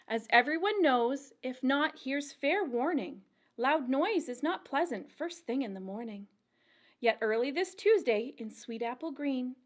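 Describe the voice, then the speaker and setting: Pitched high and moving very slowly and deliberately, a children's librarian reads a rhyming picture book at storytime. She uses a sing-song, expressive storyteller's style suited to small listeners.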